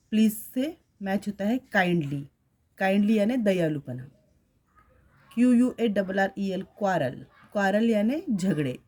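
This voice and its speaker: Woman, teacher, classroom lesson, spells words letter by letter, mid-pitched voice. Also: mellow. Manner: spells words letter by letter, mixes Hindi and English. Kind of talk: classroom lesson explaining a workbook.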